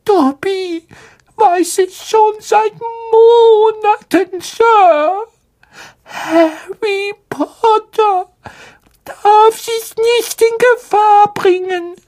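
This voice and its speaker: A woman voicing a tiny, devoted male house-elf, squeaky, hoarse, slow and tearful. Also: darkish tone, full character voice. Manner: squeaky, slow and pleading, on the verge of tears.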